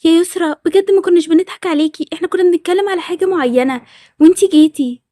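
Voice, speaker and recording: A woman's voice: very high-pitched, racing, dark tone, dry recording, studio quality. A woman with an Egyptian accent voicing school friends who defensively plead that they were not laughing. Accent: Egyptian Arabic.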